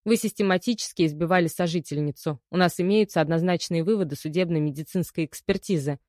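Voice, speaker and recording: A woman's voice: on the low side, quick pace, a little mellow, no echo, studio quality, natural voice. A woman reading the part of a commanding female investigator questioning a suspect, in a raised, firm voice.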